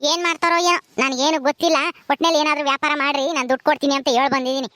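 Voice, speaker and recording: Woman doing a bossy village mother-in-law, super high and quick, snapping at everyone. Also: fairly even intonation. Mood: bitter. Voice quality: sharp, scolding, bossy. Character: scolding, bitter middle-aged village mother-in-law. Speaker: village drama actress. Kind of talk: village family drama acting.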